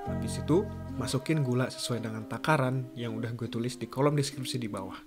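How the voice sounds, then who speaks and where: Male, 20s, relaxed home-kitchen cooking host, middle pitch, recorded over loud music. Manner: relaxed, chatty, drawn-out words. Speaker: cooking vlogger. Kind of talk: casual cooking tutorial.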